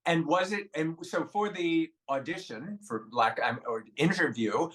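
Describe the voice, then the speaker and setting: A man co-hosting a podcast who asks questions haltingly and often restarts his sentences. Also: on the high side, fairly bright tone. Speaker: podcast co-host. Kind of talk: interview questions.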